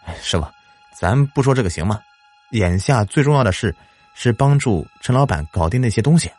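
A man's voice: on the low side, expressive, a little fast, darkish tone, husky, soft background music. A man voicing an impatient young man who works at a funeral home, speaking brashly in an audio story. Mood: pleading. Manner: brash, slightly irritable.

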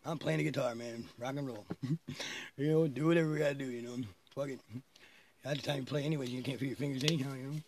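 A man's voice: medium pitch, steady tone, fast talker, a little mellow, a little hiss or hum. A man telling a long rambling story, swearing often and laughing between phrases.

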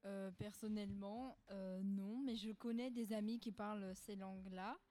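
Woman, chatty, informal, mid pitch. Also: fairly even intonation, normal speed, warm tone. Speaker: student in a class discussion. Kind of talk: casual discussion.

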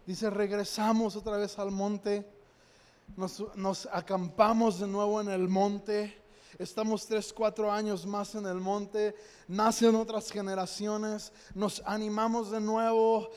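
A young man with a Mexican accent delivers a sermon in a chatty, storytelling way, playfully acting out the voices in his stories. His voice sits high for a man. It carries a long reverb from the hall he preaches in. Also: flat delivery, takes it slowly, a little mellow, smooth. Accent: Mexican Spanish. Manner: conversational storytelling with humor and acted quotes.

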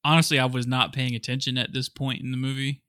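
Bright-voiced man sharing wry movie trivia. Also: medium pitch, little pitch movement, fast, no echo. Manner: knowledgeable, wry, adds trivia. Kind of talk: casual movie review chat.

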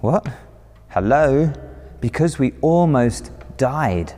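A man voicing a panicked male disciple caught in a storm, shouting in exasperation. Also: expressive, slow. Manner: shouting, exasperated, high-pitched. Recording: reverberant hall, faint music.

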